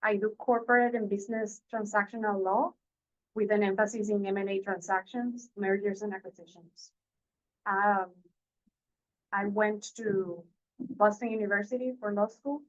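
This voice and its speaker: Woman opening a law panel, polite, measured, lots of ums, dull lo-fi sound. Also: mid-range voice. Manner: polite and measured, with many fillers. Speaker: corporate law partner on a panel. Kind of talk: formal panel welcome. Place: law school lecture room. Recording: dull lo-fi recording.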